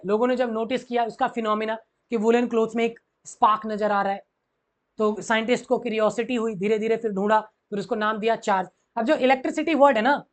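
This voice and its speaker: A man's voice: very high voice, fairly bright tone. A man teaching physics to school students, who repeats key phrases and keeps asking the class questions. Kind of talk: classroom lecture mixing Hindi and English.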